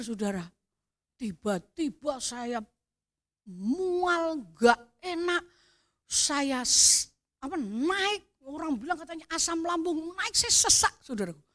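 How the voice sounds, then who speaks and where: Woman, Javanese accent, middle-aged, preacher, sermon testimony, high-pitched, animated, near-shouting at peaks. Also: slow pace. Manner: animated storytelling, swelling to near-shouts, addresses the congregation as "saudara".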